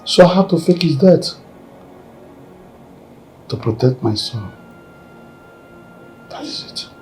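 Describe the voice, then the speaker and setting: An actor with a Nigerian accent playing a father who slowly confesses hiding his son. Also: on the high side, expressive, darkish tone, roomy sound, faint music behind. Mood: confessing. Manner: slow, confessional.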